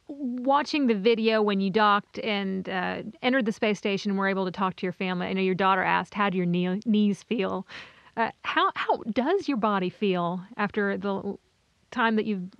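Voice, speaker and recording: Woman, radio interviewer, hesitant questions, mid-pitched voice, dry and slightly muffled link. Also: moderate pace, no echo.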